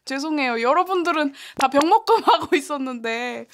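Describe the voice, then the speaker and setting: A woman's voice: sits high, lively intonation, moderate pace, fairly bright tone. A woman virtual streamer chatting on a live stream and laughing often. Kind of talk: casual live-stream chat.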